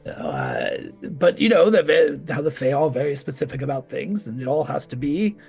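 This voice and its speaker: A nervous fantasy monster hunter, acted by a man at a game table, with a gravelly creak in his voice. He stammers and hedges evasively, his pitch swinging widely, over faint music. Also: sing-song, a little mellow, exaggerated voice. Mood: flustered, insistent. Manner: stammering, halting, hedging.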